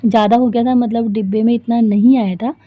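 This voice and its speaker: A talkative woman in her thirties rambles through a casual vlog voice-over, full of fillers. Her voice sits fairly high. It comes across thin and tinny, like a phone line, with a dry, close sound. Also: steady tone, a little fast, no room sound. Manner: chatty, rambling, lots of fillers. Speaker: vlogger and homemaker.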